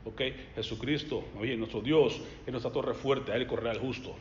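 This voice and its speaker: A man preaching a sermon, swinging between loud emphatic passages and quiet low asides. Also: fairly even intonation, normal speed, a little hiss or hum. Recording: echoey hall, slightly dull sound.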